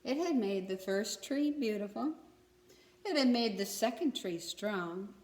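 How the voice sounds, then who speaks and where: A storyteller with an animated, medium-pitched and slightly mellow voice reads to children with expression. She stops every so often to ask them questions, and the room echoes.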